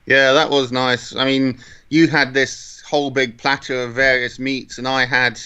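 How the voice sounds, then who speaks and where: A man's voice: mid-range voice, level tone, measured pace, pushed and bright, clear, resonant tone, lo-fi sound. A man with a British accent chatting casually and descriptively as a podcast co-host. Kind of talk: casual chat describing a walk.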